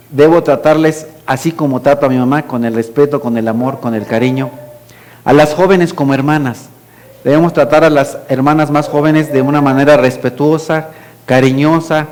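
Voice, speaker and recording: A middle-aged man with a Mexican Spanish accent, preaching a sermon as pastor in a conversational way, dropping to a hushed voice for quoted lines. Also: fairly high pitch.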